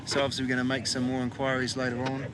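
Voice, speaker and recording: A male police officer with a New Zealand accent speaks informally on the scene. His mid-pitched voice is recorded outdoors with clear vehicle and street noise. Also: monotone, racing.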